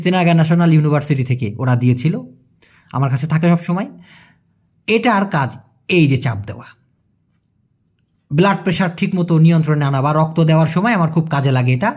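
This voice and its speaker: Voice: medium pitch, slightly rough. A Malay language teacher, giving a casual video lesson and explaining words through everyday examples. The teacher asks rhetorical questions and answers them, repeating words for emphasis.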